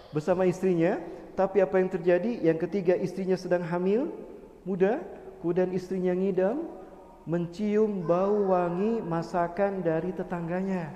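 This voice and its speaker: A man's voice: high voice, dark tone, highs cut off. A male preacher tells a sermon story with dramatic, emotive delivery. He speaks in a mosque, and his voice rings with a long, roomy reverb. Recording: echoey mosque hall.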